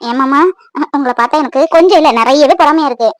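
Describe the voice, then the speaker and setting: A woman's voice: high voice, quick pace, dry recording, faint music behind, lightly acted. Woman voicing a pleading young mother. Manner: pleading, soft and emotional. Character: young married mother, tender and worried.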